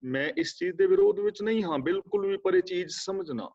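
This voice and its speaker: A man with a fairly high voice gives a scripture class. He draws out verses slowly and then explains them in plain, conversational talk. The sound is dull and lo-fi, as from an online call. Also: huge pitch swings, vocal fry, darkish tone. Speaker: Sikh scripture teacher. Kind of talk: religious discourse class. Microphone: video call.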